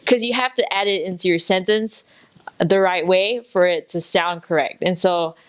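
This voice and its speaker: A woman from Singapore with a Singaporean accent softened for foreign listeners, explaining casually and a little hesitantly, as if searching for examples. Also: lowish voice, steady tone, moderate pace, smooth. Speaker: native speaker explaining dialect.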